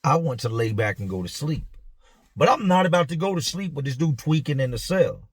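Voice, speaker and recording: A man's voice: on the high side, animated, fairly quick, breathy edge, no echo. A man hosting a show, telling a story in blunt street slang in a casual, easygoing way. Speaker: host.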